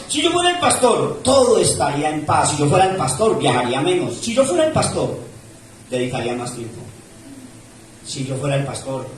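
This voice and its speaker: A man's voice: medium pitch, slight background noise. A man preaching a sermon as a pastor, his emphasis rising and falling as he reads scripture aloud. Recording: echoey church room from far off.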